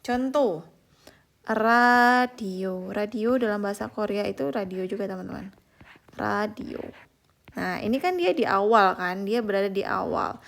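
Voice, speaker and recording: Speaking to viewers she treats as friends, a young woman leads an online beginner language class, patiently stretching out each example word. She sounds animated at a moderate pace, her mid-pitched voice marked by clear vocal fry.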